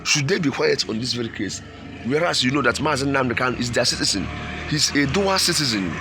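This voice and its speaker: A Nigerian man delivers impassioned political commentary in a bright, forceful voice of medium pitch. He leans on rhetorical questions and repeats phrases for emphasis. There is some ambient noise behind him.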